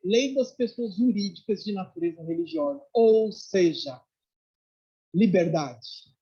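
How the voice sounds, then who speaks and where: Husky storyteller preaching. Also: medium pitch, unhurried. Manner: animated storyteller who acts out quoted voices and often adds "né?". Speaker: religious lecturer. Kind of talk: storytelling sermon. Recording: dull lo-fi recording.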